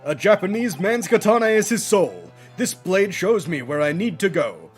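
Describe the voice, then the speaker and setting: A man's voice: high voice, very animated, normal speed, soft background music. Man playing a proud, solemn young swordsman. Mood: resolute. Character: proud, resolute young Japanese swordsman student.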